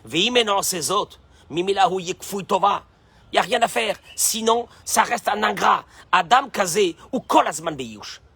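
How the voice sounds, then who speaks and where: A man teaching as a rabbi, with a bright, high voice that rises and falls a lot and a strongly husky tone. He mimics the people he criticizes and asks the same question again and again to press his point. The sound is dry and close. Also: normal speed, dry recording. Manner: lively, acts out the complaining voices he describes; fond of rhetorical questions and repeating phrases. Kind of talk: Torah lesson in French with Hebrew quotations.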